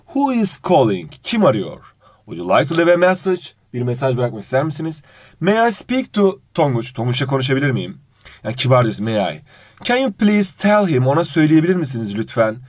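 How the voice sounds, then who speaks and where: A man's voice: medium pitch, fairly quick, no echo, studio quality. A man teaching an exam review lesson, reading out English phrases and translating each one while fondly addressing his student. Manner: animated intonation.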